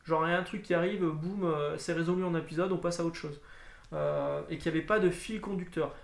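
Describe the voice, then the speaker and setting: A man's voice: fairly high pitch, fairly even intonation, fairly quick, creaky. Chatty man in an echoey room. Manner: chatty, rambling, many fillers and restarts. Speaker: comic book reviewer. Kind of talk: casual video review.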